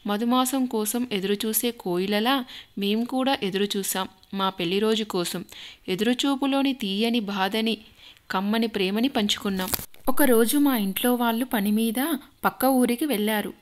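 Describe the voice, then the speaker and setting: A woman narrates a love story in a soft, emotive way. Her voice sits a little high, and she reads as the story's storyteller. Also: moderate pace.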